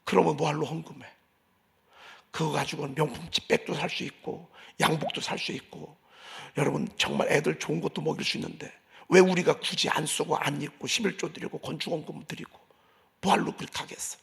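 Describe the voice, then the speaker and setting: A male pastor preaching a sermon in a church, swinging from loud declarations to hushed asides. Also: fairly high pitch, steady tone, fairly quick, creaky. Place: church sanctuary.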